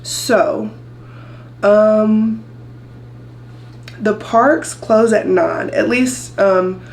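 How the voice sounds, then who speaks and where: A young adult woman, a nursing student, vlogs casually to the camera from a coffee shop and her car, chatting and rambling and saying "y'all" a lot. After losing her voice, it sounds deeper than usual, a little mellow and full of vocal fry, while air conditioning hums noisily in the background.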